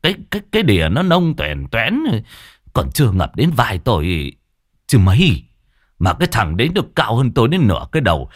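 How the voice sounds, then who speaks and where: A man's voice: on the low side, wildly swooping pitch, fairly quick, no echo, studio quality. A man voicing a grumpy, half-deaf old village man in a storytelling reading, grumbling in disbelief. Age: older. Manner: grumbling, incredulous, cursing.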